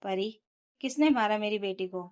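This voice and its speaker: A woman voicing a protective young father in a storybook narration, asking quiet, measured questions. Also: mid-range voice, lightly acted. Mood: firm. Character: protective young father, calm but firm.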